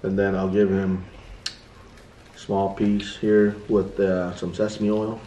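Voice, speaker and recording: A middle-aged man with a low voice talks casually while chewing his food. He sounds like a dad hosting a family meal, in an echoey room with clear noise behind him. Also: little pitch movement, slow, mellow, distant mic. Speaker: father hosting a family eating show. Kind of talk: casual mukbang chat. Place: indoor room at a table beside a sizzling griddle.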